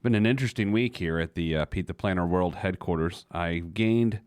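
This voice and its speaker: Rambling wryly on his own, a late-30s American radio host talks casually about personal finance. He speaks at a normal speed in a low-pitched, smooth, darkish voice. The studio-quality recording has no room sound.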